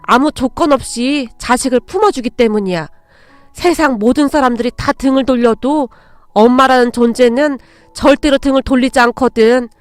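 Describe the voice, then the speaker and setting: A woman's voice: on the high side, no echo, lightly acted. A woman voicing a stern but loving older mother-in-law, firm with intruders and tender with her daughter-in-law.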